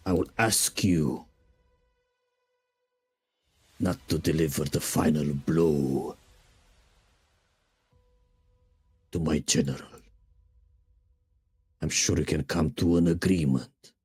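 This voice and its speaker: A man voicing a deep-voiced archduke of hell in a tabletop game, calm and imperious, with threats behind every polite word. Faint music plays underneath. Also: slightly rough, exaggerated voice. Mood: diplomatic. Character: commanding male archduke of hell.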